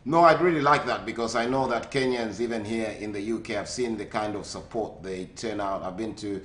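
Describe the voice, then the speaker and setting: A Zambian man living in the UK hosts a sports radio show, asking friendly questions in a phone interview with lots of hesitations and fillers. His voice is on the low side, a bit bright and a little fast. The audio is reverberant with a slight hiss or hum.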